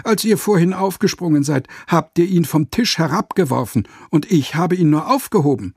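A man voicing a patient young apprentice in a radio fairy tale, calmly answering back. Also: on the high side, moderate pace, husky, no room sound, studio quality, pitched above the performer's own voice. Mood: patient reply.

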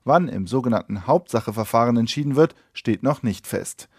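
A man's voice: mid-range voice, expressive, a little fast, a little mellow, husky, no echo, clean studio sound. A man reading a factual radio news report. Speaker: radio correspondent.

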